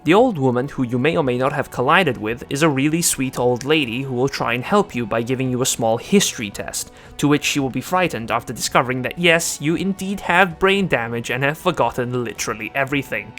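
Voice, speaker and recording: A man's voice: mid-range voice, lively intonation, brisk, hardly any pauses, fairly bright tone, soft background music. A man hosting a video essay in scripted commentary, sarcastic and joking.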